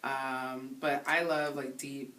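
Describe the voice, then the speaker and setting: Interview guest: woman DJ in her 30s from Haiti, unusually deep voice, earnest and reflective, recorded a little off-mic with light hiss. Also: level tone, fairly bright tone. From Haiti, raised in the Bronx. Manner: thoughtful, earnest, pausing to find words. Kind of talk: casual interview. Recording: voice somewhat distant from the mic, faint hiss.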